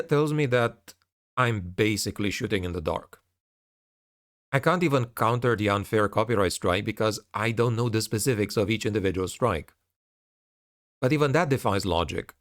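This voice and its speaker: Low-voiced man giving a casual update, dry sound. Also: no room sound. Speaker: video creator giving a channel update. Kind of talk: casual update talk, reading out messages and commenting.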